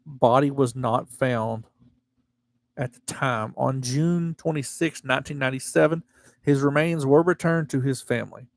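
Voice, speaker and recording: A man with a gravelly, fry-edged voice at a middle pitch hosts a casual livestream, reading memorial entries aloud. His speech is slightly slurred and halting, with frequent restarts and slow, careful dates. The sound is dry and close. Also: dry recording. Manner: halting, restarts often, reads dates and units slowly. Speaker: livestream host.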